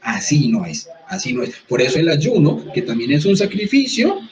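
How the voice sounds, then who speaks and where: A Colombian man teaches on a question of faith in a conversational interview. His voice sits a little higher than most men's, and the recording is somewhat dull and muffled. He keeps checking in with his listeners through quick rhetorical questions. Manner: animated, rhetorical questions, mock-quotes others. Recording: slightly muffled sound.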